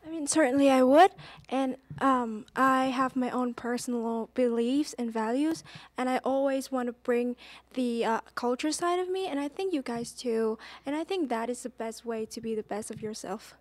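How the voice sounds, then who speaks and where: A young woman with a fairly high voice presents to judges, earnest and a little halting. Her voice sounds dry and close. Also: no echo. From Vietnam. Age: young adult. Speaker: student presenter. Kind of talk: case competition presentation.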